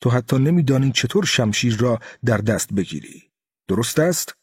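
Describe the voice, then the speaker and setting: Guy doing hotheaded young samurai, sneering, husky-ish, dry close mic. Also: mid-range voice, animated, no room sound, in a large hall. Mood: taunting. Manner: taunting, scornful. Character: brash, hot-tempered young male samurai.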